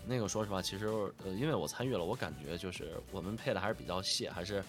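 Over music, a man with a low voice talks fast as a guest voice actor in a casual interview about his dubbing work. His voice is nasal and stuffed-up from a cold, and he's modest and self-deprecating, thinking aloud and repeating himself.

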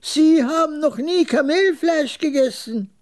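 Man doing a high raspy old camel dealer, haughty, scornful, curt, radio story. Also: sing-song, a little slow, warm tone, exaggerated voice. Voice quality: jagged, raspy voice.

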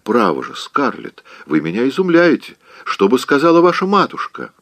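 A man's voice: medium pitch, huge pitch swings, normal speed, fairly bright tone, no room sound, voice pushed up. A man voicing a fussy, tearful older aunt who scolds and frets, in an audiobook reading. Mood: fretful scolding. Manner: scolding, fretful, easily weeping.

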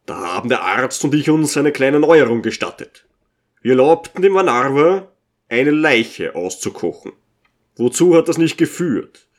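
An older retired cavalry captain sighs and coaxes others to keep talking, as a male reader acts him out. He speaks slowly with a lively rise and fall. His voice stays close to the reader's own. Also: mid-range voice. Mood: coaxing.

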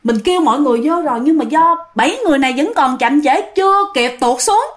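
Lady doing a shook-up bossy foreman guy in a ghost story, southern vietnamese accent, high voice. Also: lively intonation, fast talker. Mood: alarmed. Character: shaken middle-aged male site foreman.

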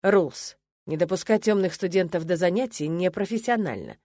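A woman's voice: lowish voice, moderate pace, mellow, dry recording, lightly acted. A stern, tired man who runs a magic academy, read by a woman narrator for a fantasy audiobook. He barks orders and lectures in a commanding tone. The sound is dry and close. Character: weary, stern male academy rector.

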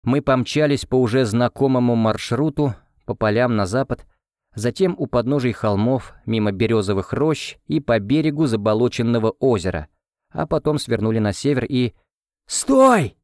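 A man narrating a first-person fantasy audiobook in a measured storytelling manner. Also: medium pitch, a little mellow, no echo, clean studio sound.

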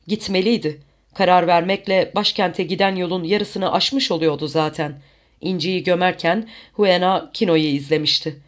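Audiobook narrator, steady even storytelling, middle pitch. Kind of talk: scripted narration.

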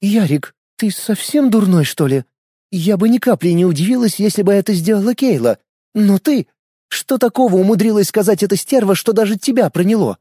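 A man's voice: sits high, animated, normal speed, dark tone, no room sound, studio quality, pitched above the performer's own voice. A man voicing a young princess heiress who speaks coldly and strictly, lecturing her friends, in an audiobook. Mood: exasperated.

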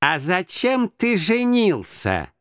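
A man's voice: high voice, wildly swooping pitch, slow pace, fairly bright tone, clear, resonant tone, no room sound, voice pushed up, full character voice. A man voicing a stingy, grumpy old male miser who speaks curtly and with scorn, in a dry audiobook reading. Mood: scornful. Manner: curt, scornful, snapping.

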